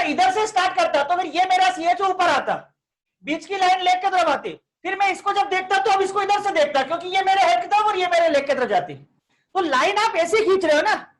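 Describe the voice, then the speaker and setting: A man's very high, thin voice leads an online chemistry lesson. He talks in a chatty, coaxing way, scolding students by name and dropping English terms into his explanations. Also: a bit bright. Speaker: chemistry teacher. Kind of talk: online class lecture.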